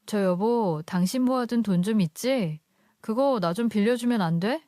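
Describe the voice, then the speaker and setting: A woman's voice: mid-range voice, normal speed, mellow, no echo, clean studio sound, close to an everyday voice. A woman voicing a sly husband who coaxes and pleads with his wife for money. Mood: coaxing. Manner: coaxing, pleading.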